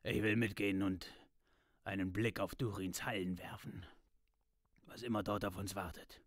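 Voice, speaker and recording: A man reading aloud voices a sturdy male dwarf, speaking eagerly, gruffly and emphatically. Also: on the low side, steady tone, normal speed, no room sound, studio quality, natural voice.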